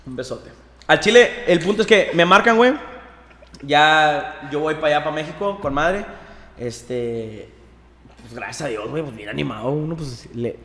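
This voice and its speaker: A young Mexican man tells his story loosely, dropping slang in nearly every phrase. His voice sits a little high. The room gives a long, ringing reverb. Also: expressive, normal speed, a bit bright. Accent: Mexican Spanish. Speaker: podcast guest. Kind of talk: casual chat.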